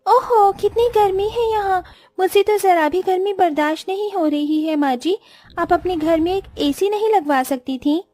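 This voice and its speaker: Woman voicing a shrill spoiled young bride. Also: moderate pace, a little mellow, no room sound, faint music behind. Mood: demanding. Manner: demanding, shrill, scolding. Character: spoiled rich young bride, selfish and haughty.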